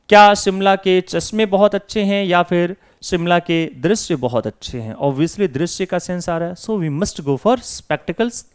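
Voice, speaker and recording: A man's voice: high voice, clean tone. A man teaching English grammar in Hindi, asking and answering his own questions as if voicing his students. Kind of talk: classroom lesson.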